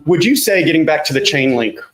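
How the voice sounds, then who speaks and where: A man's voice: fairly high pitch, lively intonation, a little fast. A man joining a casual livestream chat, cracking punning jokes. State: out of breath. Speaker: co-host.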